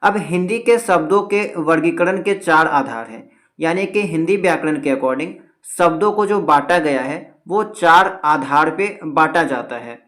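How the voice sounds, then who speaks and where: A man's voice: fairly high pitch, expressive, measured pace, fairly bright tone. A man teaching Hindi grammar for an entrance exam. He explains step by step, mixes in English words and keeps checking in with "theek hai". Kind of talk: exam-prep lecture.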